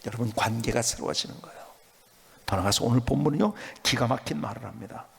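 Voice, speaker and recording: A male pastor preaching a sermon, emphatic and animated, at times dropping to a soft whisper. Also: medium pitch, fast talker, creaky, husky, in a large hall.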